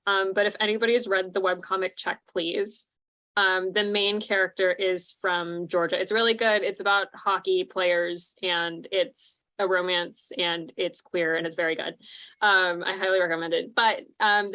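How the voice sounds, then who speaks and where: A woman's voice: on the low side, steady tone, moderate pace, bright, forceful tone. A woman, a musical theatre actor, chatting casually on a cast panel and giggling often between her thoughts. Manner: chatty and giggly, with many fillers. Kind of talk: casual chat.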